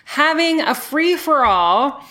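A woman's voice: high-pitched, animated, slow pace, pushed and bright. A woman hosting a podcast, speaking informally and emphatically in an effusive, conversational storytelling style about spiritual matters. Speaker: podcast host.

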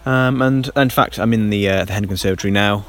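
A man hosts a casual solo podcast, rambling with lots of ums and restarts, in a fairly low, fairly bright voice at a brisk pace. He records on a handheld dictaphone outdoors in a damp garden in light rain, then in a covered shelter, with slight background noise.

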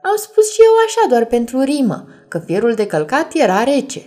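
A woman's voice: on the high side, huge pitch swings, warm tone, voice pushed up. A woman voicing a clumsy, boastful boy poet who is proud and stubborn, in a storybook reading. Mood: proud, eager. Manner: eager, proud, innocently stubborn.

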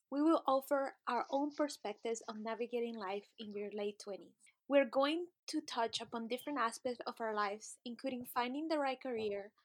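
A woman in her late twenties co-hosts a podcast, reading a scripted intro with earnest care. Her voice sits somewhat high, and she was raised in Miami after being born in Peru. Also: a bit bright. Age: late 20s. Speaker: podcast co-host.

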